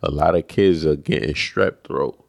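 A man with a very low voice full of gravel and fry speaks in a casual faith chat. He is laid-back and encouraging. He often drops "man" into his sentences. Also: moderate pace. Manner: laid-back, affirming, says "man" a lot. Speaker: podcast co-host.

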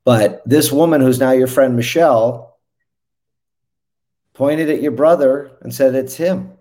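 A male interviewer asking questions in a halting way, with many restarts. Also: medium pitch, warm tone.

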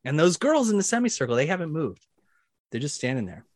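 A man narrating a tabletop game as dungeon master, telling the action vividly and excitedly, with sound effects. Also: on the high side, quick pace, no echo, studio quality.

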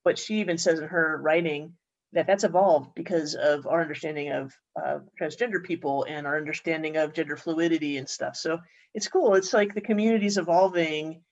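A woman co-hosting a casual chat, relaxed and rambling, laughing often. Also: sits low, fairly quick, lo-fi sound. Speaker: podcast co-host.

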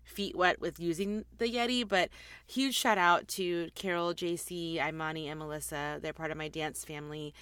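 A woman in her forties talks her way through a casual podcast episode, rambling and filling gaps with ums. Her voice sits slightly low. She records inside a closet on a desktop mic, so the sound is very dry and close, with no room echo. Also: fairly even intonation, moderate pace, a bit bright, smooth. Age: 40s. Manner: chatty and rambling, with frequent ums. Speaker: podcast host. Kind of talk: casual chat. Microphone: desktop USB microphone.

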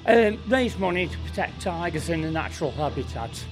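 A man's voice: on the high side, big pitch swings, a little fast, low-quality recording. Plain-spoken man, music behind. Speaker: charity festival organiser being interviewed. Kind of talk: casual interview answers.

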